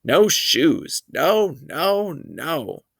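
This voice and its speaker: A man putting on a stubborn little boy in the middle of a tantrum, hollering short refusals from a storybook. The voice sits a bit higher than his own, with a gravelly edge and a dry close sound. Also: sing-song, bright, forceful tone, dry recording, full character voice. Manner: hollering, stubborn, drawn-out words.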